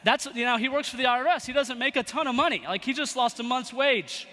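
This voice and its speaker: A young man giving a motivational talk to a live audience, telling a story with lively acted-out quotes. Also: extremely high pitch, fast. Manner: animated storyteller acting out quoted voices. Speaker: motivational speaker. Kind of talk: storytelling keynote speech. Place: large event hall. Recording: long hall reverb.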